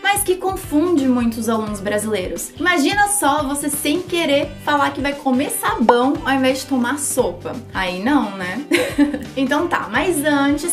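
A Brazilian woman teaching English pronunciation, cheerful, laughing often and repeating words slowly. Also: sits high. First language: Portuguese. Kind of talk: bilingual pronunciation lesson.

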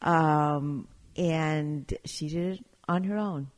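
Woman, low voice, winery owner as a chatty guest who pauses to find her words. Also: fairly even intonation. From Chile. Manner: chatty, storytelling, searches for words. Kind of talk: casual interview chat.

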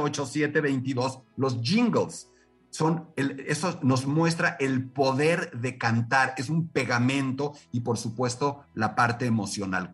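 A Mexican man teaching music as a radio guest, lecturing with lively rhetorical questions and sung examples. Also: mid-range voice, far from the mic. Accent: Mexican Spanish. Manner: animated, lecturing, sings short examples. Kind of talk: radio interview lesson.

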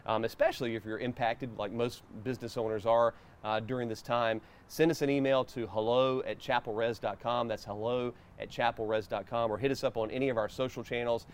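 A man's voice: medium pitch, steady tone, fairly quick, hardly any pauses, smooth. A man hosting a casual interview show, recorded outdoors in a backyard.

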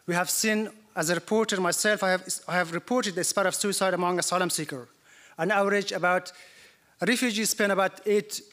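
A man's voice: high voice, fairly bright tone. A man from Afghanistan speaking as a panel chair and journalist, giving earnest, formal opening remarks at a conference.

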